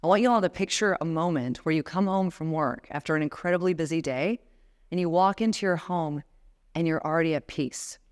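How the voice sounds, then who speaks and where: A woman's voice: sits low, a little fast, darkish tone. A woman in her thirties giving a motivational talk as a guest speaker, emphatic and building to passionate appeals. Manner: emphatic, rising to passionate exhortation. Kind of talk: motivational talk to a live audience.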